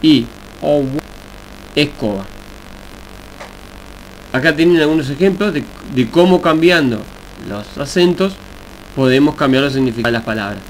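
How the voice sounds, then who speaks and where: A man teaching a recorded Yoruba language lesson, explaining slowly and deliberately with examples. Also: medium pitch, lively intonation, low-quality recording. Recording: faint hiss and mains hum.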